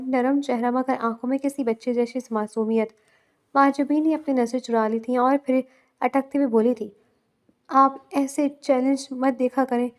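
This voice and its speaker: A woman narrating a romantic novel aloud with steady, emotive storytelling. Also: high-pitched.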